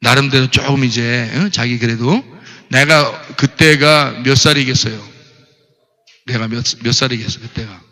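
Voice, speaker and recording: A middle-aged man preaching a sermon, telling a story with animated delivery and asking the congregation questions. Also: medium pitch, moderate pace. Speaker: pastor. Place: church. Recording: church hall reverb.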